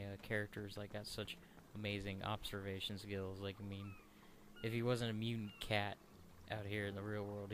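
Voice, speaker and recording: A man giving casual, rambling let's play commentary, halting and searching for words. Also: fairly low pitch, fairly bright tone, slight background noise.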